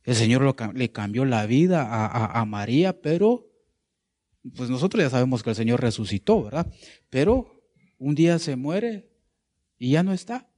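A male preacher giving a sermon asks his congregation rhetorical questions and often adds "right?", repeating "¿verdad?", while sometimes searching for words mid-sentence. His voice is medium-pitched, expressive and a little mellow, at a normal speed.

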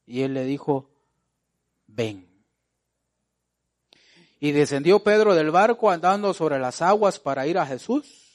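Preacher with a raised-pitch voice. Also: male voice, lively intonation. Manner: calls out to the congregation with repeated rhetorical questions; swings between loud exhortation and quiet, drawn-out asides. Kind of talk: sermon.

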